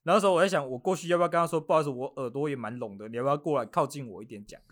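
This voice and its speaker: A man's voice: mid-range voice, rapid-fire. A man with a Taiwanese Mandarin accent telling a story in casual chat, acting out what people said and laughing often. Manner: animated, acts out quotes, laughs often. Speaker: podcast guest.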